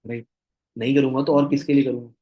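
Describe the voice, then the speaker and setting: A man's voice: medium pitch, little pitch movement, fast talker, muffled recording. A young man gives a casual, emphatic sales training talk. He calls listeners "bhai", repeats phrases for stress and acts out both sides of a conversation. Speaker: network marketing trainer.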